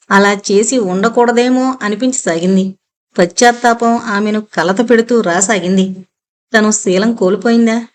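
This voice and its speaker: A woman narrating a full-length novel as an audiobook, reading the dialogue in her own voice with steady storytelling. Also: medium pitch.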